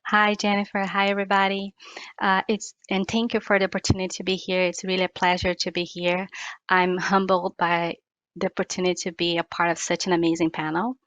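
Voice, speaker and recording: A woman from Brazil introducing herself on a panel in an earnest, measured way over a video call. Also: on the low side, monotone, fairly bright tone, no room sound, lo-fi sound. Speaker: panelist, ESG researcher.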